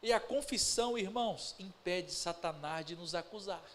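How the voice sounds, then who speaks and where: A man with a Brazilian Portuguese accent, a pastor preaching a sermon, moving between calm storytelling and loud emphatic bursts, addressing the listeners as brothers. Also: high voice, slight background noise. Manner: preaching with rising emphatic bursts and slow stressed words; addresses the congregation as brothers, tells family anecdotes. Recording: music playing under the voice. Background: instrumental music.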